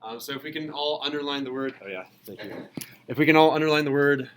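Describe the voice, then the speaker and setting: A man's voice: on the high side, quick pace, background noise. A man teaching a math lesson to a class, asking questions and calling on students. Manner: calls on students, asks questions. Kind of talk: classroom lecture.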